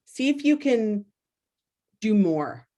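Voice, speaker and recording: A woman facilitating a workshop over a video call, energetic, often checking in with "right?". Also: a little high, takes it slowly. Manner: energetic, frequently asks "right?".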